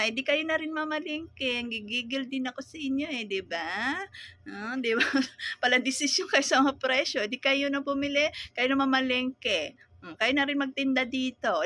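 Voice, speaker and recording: A woman with a Filipino accent, running a small store and ranting about customers in a casual vlog, animated and laughing often. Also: on the high side, dry recording. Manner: animated, laughing, mock-growling. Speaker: sari-sari store owner vlogger.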